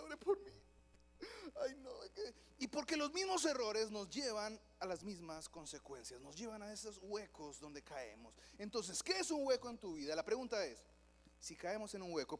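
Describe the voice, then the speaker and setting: A man preaching a lively sermon in a church, acting out the voices of people in his stories. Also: sits high. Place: church hall.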